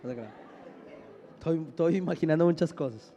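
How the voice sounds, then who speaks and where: A man's voice: on the high side, a little fast, mellow, some chatter behind, a little hiss or hum. A man pastor preaching a sermon, leading the congregation in call-and-response with joking asides, sounding a bit unwell. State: unwell, says he is sick. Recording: long hall reverb.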